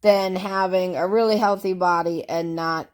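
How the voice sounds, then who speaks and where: A woman vlogger with a voice on the low side keeps a fairly even intonation and a moderate pace. Congested from a cold, she answers tag questions casually, rambling and easygoing with fillers and asides.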